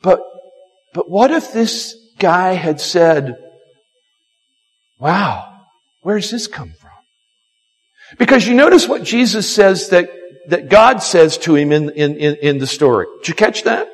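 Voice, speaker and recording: A man preaching a sermon as pastor, animated and acting out quoted lines, often repeating himself. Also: sits high, moderate pace, soft background music. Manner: animated, acts out quotes, frequent repetitions. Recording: long hall reverb.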